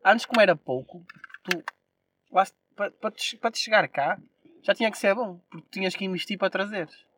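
A man's voice: high-pitched, fairly quick, fairly bright tone, far from the mic. A young man with a European Portuguese accent, chatting casually in slang as a podcast co-host. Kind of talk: casual chat.

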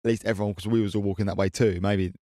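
A man's voice: on the low side, fairly even intonation, very fast, dark tone, dry recording, clean studio sound. A young man, rambling through a casual recap of a trip, with swearing and tag questions.

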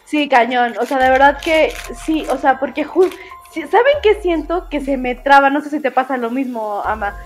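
A Mexican woman in casual chat, talking in an animated way with frequent exclamations. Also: high-pitched, normal speed, faint music behind. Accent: Mexican Spanish.

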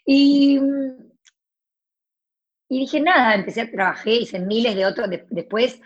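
A woman with a fairly high pitch speaks at a measured pace over dull-sounding audio. She is a Rioplatense Argentine actress in her forties, casually narrating her life with many restarts and asides.

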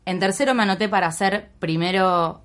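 A woman's voice: medium pitch, fairly quick, a bit bright. A young woman with a Rioplatense Argentine accent telling a story in casual chat, acting out the dialogue and swearing freely. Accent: Rioplatense Argentine Spanish. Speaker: podcast guest.

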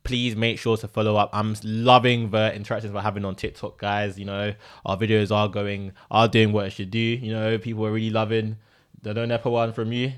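A young man with an urban London roadman accent hosting a podcast in casual, slangy, animated and argumentative banter. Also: fairly low pitch, brisk, smooth, no room sound, clean studio sound. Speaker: podcast host.

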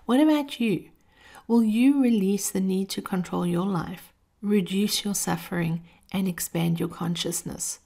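A woman hosting a motivational podcast, speaking in a reflective monologue with gentle, deliberate, measured phrasing and a creaky voice. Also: medium pitch. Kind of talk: reflective guided encouragement monologue.

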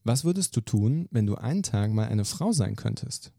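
A man hosting a podcast, firing off quick questions in a lively, brisk way. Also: on the low side, creaky, no echo, clean studio sound. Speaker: podcast host. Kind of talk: quick-fire question interview.

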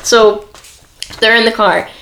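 A woman's voice: fairly high pitch, fairly even intonation, slow, a bit bright, echoey room, a little hiss or hum. A woman co-hosting a podcast, chatting casually and laughing often as she recaps a reality show. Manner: laughs often, acts out quotes. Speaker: podcast co-host.

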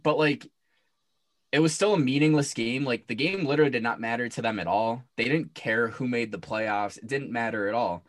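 A man's voice: mid-range voice, fairly quick. A young man co-hosting a sports podcast, talking in an incredulous, sarcastic casual way. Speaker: podcast co-host.

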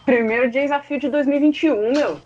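A woman with a Brazilian accent hosting a challenge show in an excited, casual, animated way with drawn-out announcements. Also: high voice, a loud crowd. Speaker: host of a quiz challenge show. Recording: dull lo-fi sound, music behind.

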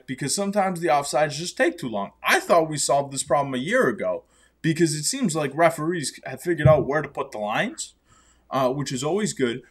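Male podcast host, slightly high voice, emphatic sarcastic ranting. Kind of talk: casual chat.

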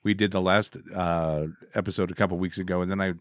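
This is a man with a deep, low, dark voice that is thickened by bronchitis. He chats casually as a co-host, recorded dry with very little room sound. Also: fairly even intonation, fast talker, dry recording. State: congested with bronchitis. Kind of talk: casual chat.

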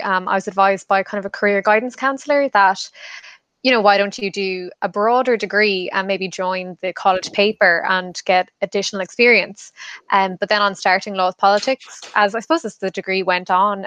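A woman's voice: mid-range voice, fairly bright tone, clear, resonant tone, no room sound. A young woman from Kerry with a west of Ireland accent, giving chatty, thoughtful answers as an interview guest. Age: young adult. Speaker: podcast guest, law firm associate.

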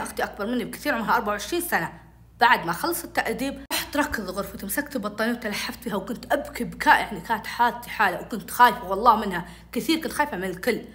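A woman telling a childhood story in casual storytelling, animated and acting out each voice. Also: on the high side, racing. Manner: animated, acts out every voice.

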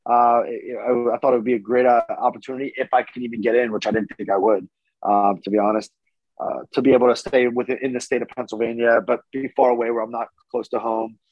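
A man's voice: medium pitch, little pitch movement, fast talker, no echo. An easygoing young man tells his story in a loose, rambling way, full of fillers. The sound is dry and a little dull. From Northeast Philadelphia, born in Paris. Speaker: podcast guest. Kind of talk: casual interview chat.

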